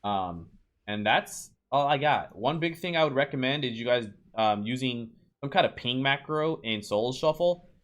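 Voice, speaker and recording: This game guide creator and streamer gives a loose, chatty video game tutorial in voice-over, often saying um or uh, restarting sentences and speaking to "you guys." His voice is medium in pitch, expressive and fairly bright, at a normal speed.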